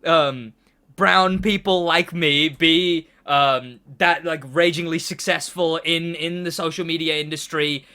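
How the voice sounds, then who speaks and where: A man's voice: a little high, steady tone, unhurried, sharp tone, clear, resonant tone. A man from Pakistan, a podcast guest, talking casually in a hesitant, self-interrupting way, often laughing. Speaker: podcast guest, content creator. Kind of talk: casual chat.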